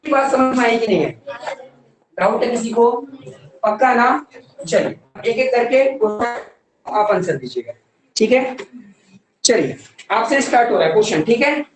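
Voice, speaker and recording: A woman teaching a maths class, mixing Hindi with English terms, questioning students often and slowing down to dictate definitions. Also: on the high side, animated, far from the mic. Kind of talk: classroom lecture. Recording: very echoey classroom, voice from afar.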